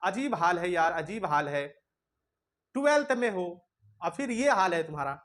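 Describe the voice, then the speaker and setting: A man's voice: sits high, sing-song, normal speed, fairly bright tone. Scolding male teacher. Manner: scolding, chatty, colloquial. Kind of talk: classroom lesson. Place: classroom with students.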